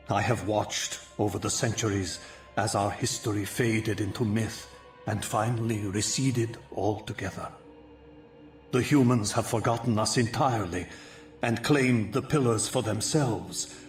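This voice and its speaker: Echoing, solemn ancient vampire guardian. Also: male voice, on the low side. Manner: solemn, measured, formal archaic phrasing. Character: ancient gentle male vampire guardian, winged, sorrowful and priest-like. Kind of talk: dramatic video game voice acting. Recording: echoey, music underneath.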